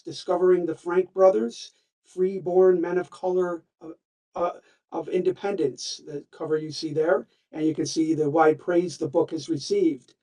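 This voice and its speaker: A man's voice: sits high, dark tone. A man hosting an online talk, formally reading a guest speaker's introduction with a few small slips. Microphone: video call. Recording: distant, dull call audio.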